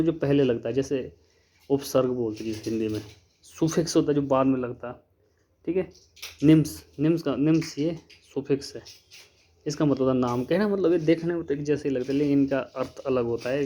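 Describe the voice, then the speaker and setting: A man giving a casual vlog lesson, explaining slowly, repeating himself and spelling words out letter by letter. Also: medium pitch, warm tone, slight background noise. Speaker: teacher.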